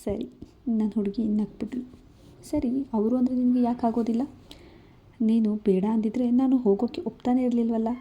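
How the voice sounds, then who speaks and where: A woman's voice: fairly high pitch, fairly even intonation, moderate pace, warm tone, highs cut off, slight background noise, lightly acted. A woman voicing a playful, affectionate young husband who teases his wife. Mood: teasing. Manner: teasing, playful.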